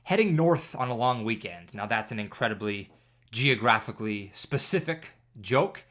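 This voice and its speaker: A Canadian man in his thirties, stuffed up with congestion, hosts a casual solo podcast full of self-deprecating jokes and jokey storytelling. His voice is fairly low, expressive, a bit bright, and at a normal speed.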